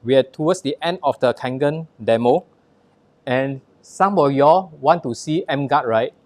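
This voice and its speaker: A man's voice: mid-range voice, a little slow, a little mellow, no echo. Singaporean-accented man giving a punchy sales demo. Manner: instructive, short punchy phrases with rhetorical questions. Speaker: product demonstrator, sales presenter. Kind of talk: live sales demonstration talk with anecdotes.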